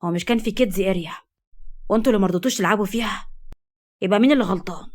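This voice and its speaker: A woman voicing a cold, teasing, jealous husband in a storybook reading, with an Egyptian accent and a cool, deadpan delivery. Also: lowish voice, rapid-fire, lightly acted.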